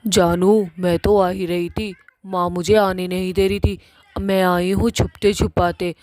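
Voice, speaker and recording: A woman voicing a pushy, lovesick young witch daughter in a cartoon, talking in a loud nagging way. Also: lowish voice, flat delivery, unhurried, no echo, lightly acted. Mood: pleading.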